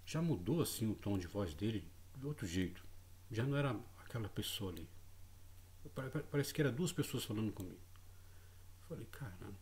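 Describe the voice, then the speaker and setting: A man's voice: on the low side, lively intonation, brisk, long pauses, darkish tone. A man telling a personal story in a casual spoken way, hesitant, repeating words and often adding tag questions. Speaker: channel host.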